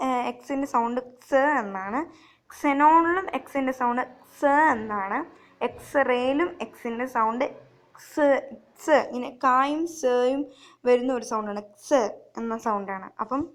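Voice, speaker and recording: A young woman teaching children letter sounds, slowly and repetitively, asking questions and answering them herself. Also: high-pitched, a bit bright. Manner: slow, repetitive, asks and answers her own questions. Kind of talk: phonics lesson for children.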